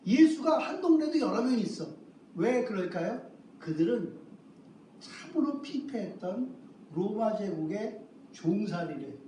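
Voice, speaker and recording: A man's voice: high-pitched, dark tone, slight background noise. A male pastor preaching a sermon, asking rhetorical questions and answering them himself, stretching out key phrases for emphasis. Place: church sanctuary. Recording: roomy, distant mic with faint ambience.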